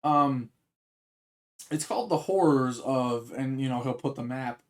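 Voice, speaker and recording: A man's voice: mid-range voice, unhurried. A man rambling casually as he sets up a reaction to a video, with many fillers and restarts. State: hiccups. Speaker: reaction streamer.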